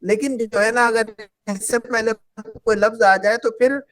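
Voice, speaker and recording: A woman's voice: a little high, steady tone, measured pace. A woman teaching an Arabic grammar class, repeating points and quizzing her students. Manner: repetitive, drills students with questions. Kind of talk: classroom lesson.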